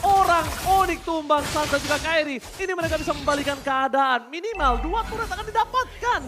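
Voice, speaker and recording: A man casting an esports match as an excited game announcer, shouting and drawing out the key moments. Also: extremely high pitch, a little fast. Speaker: esports play-by-play caster. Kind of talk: excited game announcer commentary, fighting-game style. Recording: music behind the voice. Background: music.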